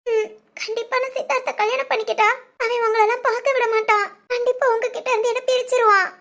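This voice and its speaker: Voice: very high voice, little pitch movement, fast, sharp tone, heavily acted. A performer voicing a tearful young woman in a cartoon, a devoted younger sister who pleads emotionally and insists on her choice. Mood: worried. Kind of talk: cartoon voice acting.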